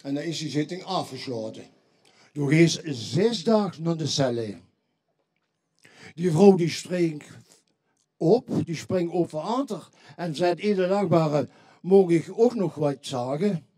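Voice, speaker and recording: With a Limburgish accent, a man does a carnival joke routine as a stand-up comedian, playing the characters and voicing their lines before landing punchlines. He sounds on the high side, dark and slightly rough, with lively intonation and a slightly slow delivery.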